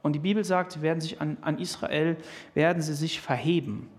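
A man with a German accent preaching a sermon, animated and emphatic, with restarts and fillers. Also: a little high, fairly quick.

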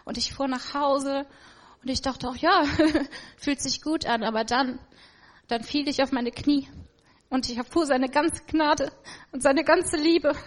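A woman's voice: sits high, a little slow. A woman with children telling her personal faith testimony in an emotional, reflective way. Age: adult with children. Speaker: testimony speaker.

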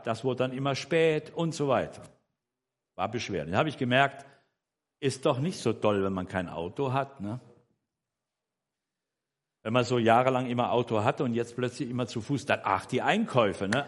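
An older man shares a personal testimony in an easy, meandering way and keeps checking in with his listeners through small tag questions. His voice sits at a middle pitch, and a long reverb trails after his words. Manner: rambling and animated, with frequent "ne?" tags and self-corrections. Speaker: church member giving a personal testimony. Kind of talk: conversational personal storytelling.

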